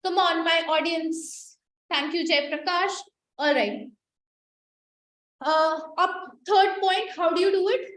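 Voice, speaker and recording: A woman's voice: very high-pitched, slow, fairly bright tone. A young woman teaching a live online class on communication skills, emphatic and repetitive as she coaxes her students to answer in the chat. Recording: echoey room with faint noise.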